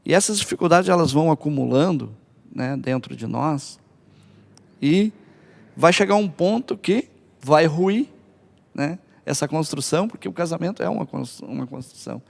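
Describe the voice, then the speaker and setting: A man's voice: on the high side, expressive, normal speed, creaky. A man from Brazil on a church family-ministry podcast, talking in a hesitant way with many fillers and restarts. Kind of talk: casual church podcast talk.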